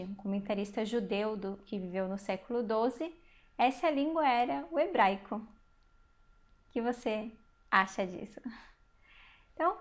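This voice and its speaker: This Hebrew teacher, a woman with a high voice, guides a learner through a recorded online lesson, breaking things down patiently and stopping now and then to ask questions. Each new word gets sounded out slowly and carefully.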